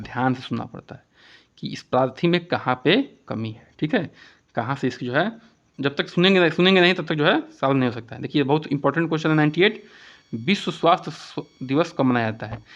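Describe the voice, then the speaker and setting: A man's voice: fairly high pitch, a bit bright. Lo-fi male tutor quizzing himself. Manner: asks questions and answers them himself, repeats key points, frequent "ठीक है". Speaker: exam prep teacher. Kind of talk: recorded exam-prep lesson. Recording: dull lo-fi recording.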